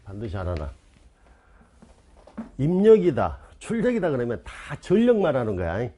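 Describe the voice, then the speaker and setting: A man's voice: medium pitch, wildly swooping pitch, normal speed, warm tone. A man giving an online exam-prep lecture, quizzing his students with constant rhetorical questions and insistently repeating key terms.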